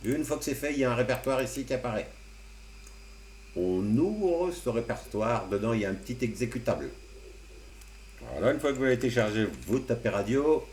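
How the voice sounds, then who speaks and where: A man hosting a casual amateur radio tutorial, explaining computer steps one by one with relaxed, joking asides. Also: medium pitch. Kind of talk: casual screen-recorded tutorial. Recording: roomy echo, faint hum.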